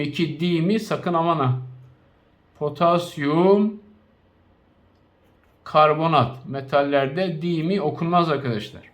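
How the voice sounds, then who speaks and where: A male chemistry teacher giving a recorded lesson, addressing his students directly and spelling out compound names slowly, with frequent recaps. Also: on the high side.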